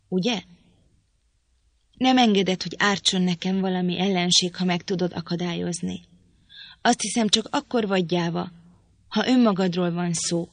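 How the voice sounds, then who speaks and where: A woman's voice: fairly low pitch, a bit bright, dry recording. A woman reading the part of a proud, impatient young woman who scolds irritably in an audiobook. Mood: stern.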